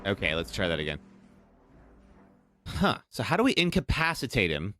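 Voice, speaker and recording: A man's voice: lowish voice, huge pitch swings, normal speed, no echo. A man doing casual video game commentary, thinking aloud in a laid-back way as he plays. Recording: loud game music behind.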